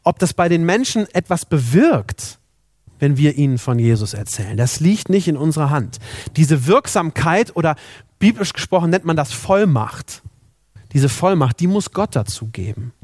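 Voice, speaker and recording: Earnest preacher, dry sound. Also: male voice, a little high, sing-song, normal speed, darkish tone, dry recording. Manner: earnest, rhetorical questions to the congregation. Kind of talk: sermon.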